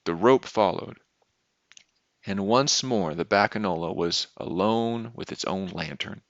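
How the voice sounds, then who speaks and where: A man narrating a short story aloud in a steady, measured reading, in a dull lo-fi recording. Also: fairly low pitch, dry recording. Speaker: audiobook reader.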